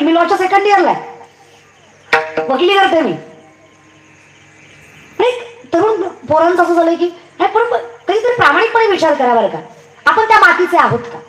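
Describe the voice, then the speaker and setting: A woman's voice: very high-pitched, a bit bright. A young woman, giving a comic devotional sermon and teasingly quizzing the crowd from a live stage. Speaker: kirtan performer. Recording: echoey live event, clear noise.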